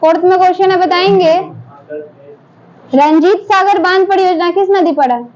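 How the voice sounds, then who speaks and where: A woman teacher running a quick quiz drill in a classroom, briskly prompting students to answer one after another. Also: very high-pitched, a little mellow. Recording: dull lo-fi classroom recording, faint noise.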